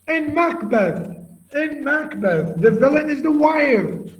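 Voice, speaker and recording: A man with an Iraqi accent, Arabic his first language, giving a university literature lecture, slowly repeating himself and quizzing students by name. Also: extremely high pitch, slight background noise. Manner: slow, repetitive, questioning students by name. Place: classroom. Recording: echoey lo-fi classroom recording.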